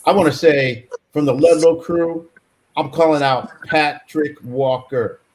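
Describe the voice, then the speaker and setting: A man's voice: on the high side, fairly even intonation, unhurried, rough recording. A man in his fifties hosting a casual, chatty group recap. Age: 50s. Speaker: host. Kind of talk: casual reunion recap chat.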